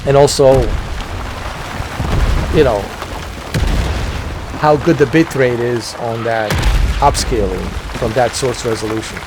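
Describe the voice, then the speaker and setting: A man's voice: mid-range voice, takes it slowly, pauses often. A man hosting a gaming video, casually explaining technical details and circling back over his points. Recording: faint game noise behind the voice.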